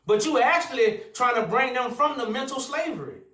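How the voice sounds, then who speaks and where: High-voiced man, echoey and distant. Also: lively intonation, fairly quick, a loud crowd. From America. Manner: preachy, talks over others, repeats "sis". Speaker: channel host. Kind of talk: heated live debate.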